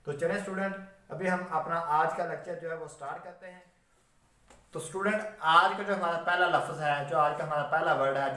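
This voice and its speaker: A man teaches shorthand in a patient, repetitive classroom manner, often stopping to check that students follow and spelling words out slowly. His voice sits fairly high for a man. He sounds set back from the mic in a strongly echoing room. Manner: patient, repetitive explaining, frequent "theek hai" checks. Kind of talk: classroom lecture. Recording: very echoey room, voice from a distance.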